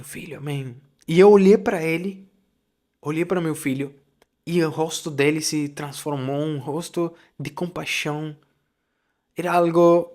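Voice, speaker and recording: Emotional man giving a faith testimony. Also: on the high side. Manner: emotional, repeats key phrases for emphasis. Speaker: podcast host. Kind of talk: faith-based testimony and advice.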